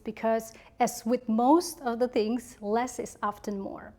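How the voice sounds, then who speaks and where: Prim, precisely spoken woman with higher pitch. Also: a little mellow. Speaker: etiquette coach presenting style advice. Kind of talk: polished instructional presentation.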